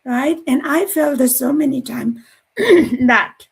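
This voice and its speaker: Nepali-accented woman in her forties, panel guest, fairly high voice, halting talk full of fillers. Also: animated, vocal fry, slightly rough. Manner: halting, many fillers and restarts, non-native phrasing. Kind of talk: live online panel chat.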